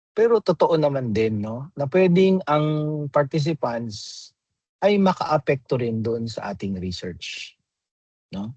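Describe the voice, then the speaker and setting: A man's voice: mid-range voice, a little mellow, husky, no room sound, muffled recording. A man giving an online graduate class lecture, explaining patiently and constantly checking in with his students through tag questions. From Philippines. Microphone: computer mic in a video call.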